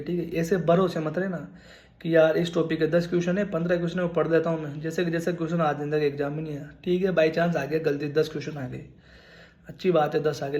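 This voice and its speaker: Speaking fairly high and a little mellow in an echoey room, a twenties-aged man talks straight to camera with casual, sincere tips for nursing exam prep. He goes over the same points again and keeps addressing his audience as "brother."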